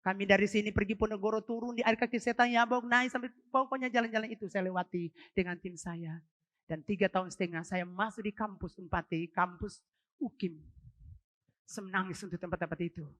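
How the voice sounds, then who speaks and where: A middle-aged woman pastor speaks in a church service. She preaches with fervent feeling, turning again and again to her congregation. Her voice sits at an ordinary pitch for a woman. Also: a little fast, a bit bright, no room sound. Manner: fervent, emotional, keeps addressing the congregation. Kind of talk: Pentecostal sermon testimony.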